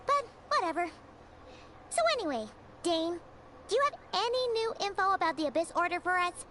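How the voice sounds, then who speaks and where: A woman's voice: very high-pitched, animated, moderate pace, very noisy. A woman voicing a tiny, chatty fairy girl companion who talks about herself in the third person, in a video game. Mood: chirpy. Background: game music.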